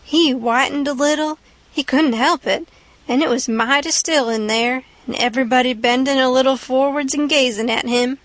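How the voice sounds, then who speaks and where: A woman narrating a classic novel as an audiobook, in a folksy, unhurried storytelling manner. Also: high-pitched, fairly even intonation, no room sound. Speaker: audiobook reader.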